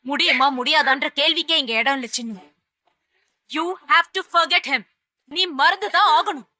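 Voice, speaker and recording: A woman's voice: high-pitched, measured pace, pushed and bright, dry recording. A stern, firm lawyer mother. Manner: firm, lecturing, mixes in English phrases. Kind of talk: TV serial drama acting.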